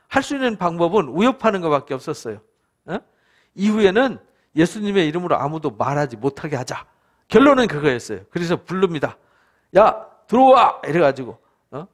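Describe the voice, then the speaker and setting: High-voiced Korean pastor teaching scripture. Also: male voice. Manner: conversational, asks the listeners for agreement, acts out quoted speakers. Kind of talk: Bible study lecture.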